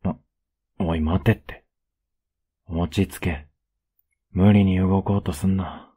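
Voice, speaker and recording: A young man with a Kansai accent speaks in a whispered role-play, blunt and a little rough-spoken but gentle underneath. His voice is dark and mellow, with a husky, breathy edge. He talks slowly and stays close to the mic. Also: low-pitched, steady tone. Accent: Kansai Japanese. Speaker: voice actor playing a boyfriend.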